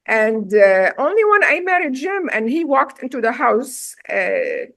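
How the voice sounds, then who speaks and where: A woman's voice: high voice, very animated, a little slow, a bit bright, dry recording. A middle-aged woman from Syria with a Syrian accent, a chef and restaurant owner telling her story in a casual interview, emphatic and direct.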